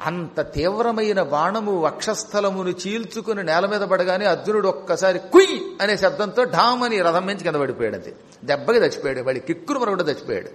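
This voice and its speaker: A man retelling an epic story in a devotional discourse, explaining the story as he goes. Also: high voice. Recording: long hall reverb.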